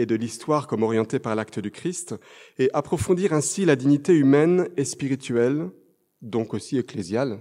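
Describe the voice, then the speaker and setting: A man's voice: mid-range voice, dark tone. A man with a French accent giving an academic conference lecture, hesitating often with fillers and reading quotations aloud. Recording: long hall reverb.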